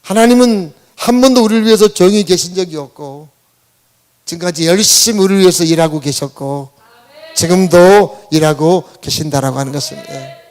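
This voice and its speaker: Speaking a little fast in a high voice with a darkish tone, a man preaches the Sunday sermon as senior pastor in a church sanctuary. His style is conversational; he asks the congregation questions and leads them in reading aloud.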